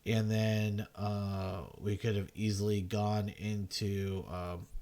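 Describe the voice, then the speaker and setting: A man's voice: fairly low pitch, flat delivery, takes it slowly, dark tone. A man giving loose, self-mocking gameplay commentary as a video host, swearing freely. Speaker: gaming content creator.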